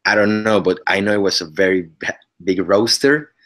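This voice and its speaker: In a casual interview over a webcam video call, an actor guest talks from his living room. He's a Mexican man in his thirties with a Mexican Spanish accent, speaking English as a second language. His voice is on the low side, steady and fairly bright at a moderate pace, and he speaks earnestly with frequent sentence restarts.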